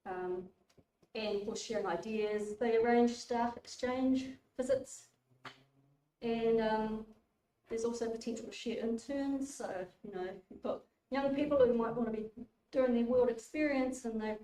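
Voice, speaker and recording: A woman gives an informal community lecture, rambling and chatty, her voice sitting a little high. She is picked up from across an echoey hall, with faint room noise underneath. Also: dark tone, far from the mic. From New Zealand. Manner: chatty, informal, lots of fillers and restarts. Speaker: guest speaker. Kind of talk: public lecture.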